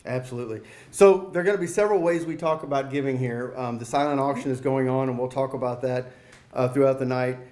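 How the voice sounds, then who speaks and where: A man's voice: mid-range voice, fast talker, darkish tone. A man with a Mississippi accent casually co-hosting a live charity event. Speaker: co-host of a charity fundraiser. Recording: roomy echo.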